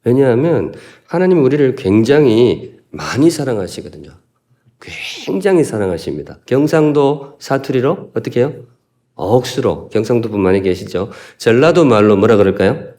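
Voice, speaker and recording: A man's voice: medium pitch, big pitch swings, normal speed, dark tone. A male pastor from Gyeongsan, South Korea, preaching a sermon in a folksy, humorous way and asking the congregation questions. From Gyeongsan, North Gyeongsang, South Korea.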